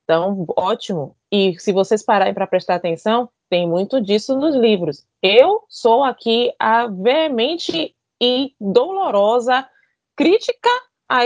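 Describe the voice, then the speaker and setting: A woman's voice: a little high, no echo. Mineira lady on a panel, outspoken and blunt, voice jumps all over the place, super dry close sound. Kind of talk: casual panel discussion.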